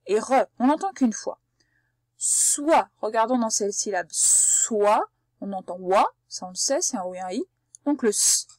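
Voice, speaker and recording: A woman's voice: a little high, no echo. A woman teaching a reading lesson to young children, patiently sounding out words syllable by syllable and talking straight to the child. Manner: addresses the child directly as tu. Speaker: primary school teacher.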